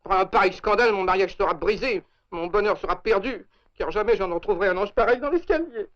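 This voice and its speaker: Un jeune acteur jouant un fiancé naïf et dépassé, hésitant et bafouillant, dans un vieux film. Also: male voice, sits high, quick pace, fairly bright tone. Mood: fretful. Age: young adult. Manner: hesitant, fretful, stammering. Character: flustered naive young engaged man. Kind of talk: 1930s French film acting. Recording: dull lo-fi old film soundtrack.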